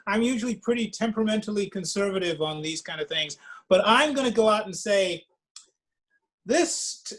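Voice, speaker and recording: A man speaking as a columnist guest on a comedy panel over a remote video call, wry and deliberate with a self-mocking deadpan. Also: sits high.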